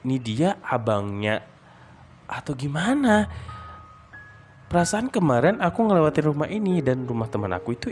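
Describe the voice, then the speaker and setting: A man casually telling a personal story in a chatty, dramatic, expressive way. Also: fairly high pitch. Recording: guitar music under the voice.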